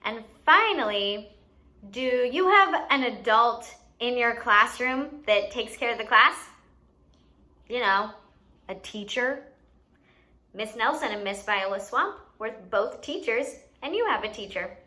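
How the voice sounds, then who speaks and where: Taking it slowly, a woman with a fairly high, animated, pushed and bright voice hosts a lesson for young children. She explains matters simply and expressively and poses questions to the listener.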